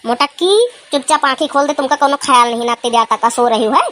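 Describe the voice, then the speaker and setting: A woman's voice: high voice, steady tone, quick pace, fairly bright tone. A woman voicing a grumpy old village woman in a comedy cartoon, scolding and nagging.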